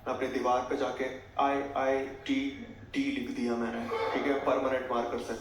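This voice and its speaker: A man's voice: medium pitch, flat delivery, moderate pace. A male stand-up comedian performing a routine in a conversational, crowd-teasing manner. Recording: echoey, distant and noisy stage recording.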